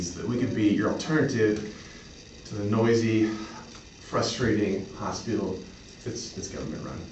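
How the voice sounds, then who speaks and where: A man improvising a sales pitch as a representative, speaking in an earnest, accommodating and halting way. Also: a little mellow. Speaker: clinic representative in an improvised role-play. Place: echoey room, mic at a distance. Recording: roomy, distant mic, faint noise.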